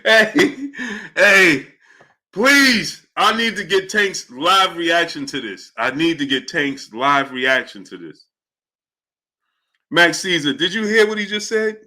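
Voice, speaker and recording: A man hosts a sports reaction stream and talks in an excitable, laughing way, calling out to his viewers. His voice sits high and jumps around a lot. The tone is sharp and very bright. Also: takes it slowly. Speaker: sports commentary host. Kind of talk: reaction commentary on clips.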